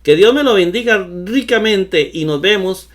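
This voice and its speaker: A man's voice: high voice, lively intonation, moderate pace. A man teaching a recorded online lesson, patient and repetitive, addressing his viewers as brothers. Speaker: Koine Greek teacher.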